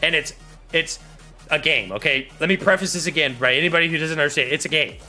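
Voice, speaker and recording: A man co-hosting a casual chat show, retelling a story with mocking, animated delivery. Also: on the high side, quick pace, soft background music. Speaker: podcast co-host.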